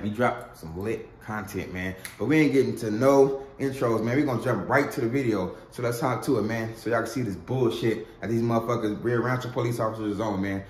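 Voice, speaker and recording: A man's voice: medium pitch, fairly bright tone. A young man talks straight to his viewers in loose street slang, closing nearly every phrase with "man." His voice has a roomy echo, with faint noise behind it. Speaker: YouTuber. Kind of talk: vlog intro and recording a confrontation.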